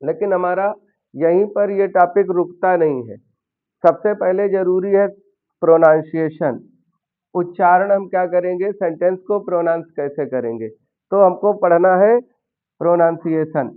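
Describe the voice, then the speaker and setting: A man's voice: high voice, measured pace. A man teaching a basic English grammar lesson in Hindi, explaining step by step and asking his learners questions. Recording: tinny phone-like sound.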